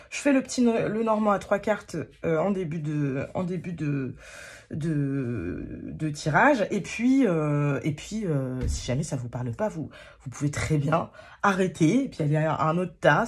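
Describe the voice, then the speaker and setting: Hesitant low-voiced woman reading tarot cards. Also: slightly rough. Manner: hesitant, many fillers and restarts, self-deprecating. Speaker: tarot card reader. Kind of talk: casual tarot guidance to viewers.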